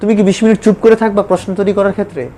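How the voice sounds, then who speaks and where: A man teaching a spoken English lesson online, talking emphatically and repeating himself, then slowly spelling out English example sentences. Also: high-pitched, level tone, warm tone.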